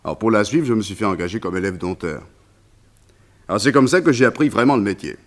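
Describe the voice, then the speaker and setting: In a French radio serial, an actor voices a wistful former colonial officer who became a circus tamer, recounting his story in a conversational, hesitant, nostalgic way. His voice sits on the low side and is expressive, with a quick pace.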